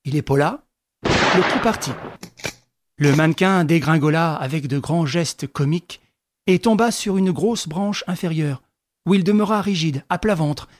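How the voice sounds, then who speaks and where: Male audiobook narrator, measured and even; slightly high pitch, dry close recording. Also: no room sound.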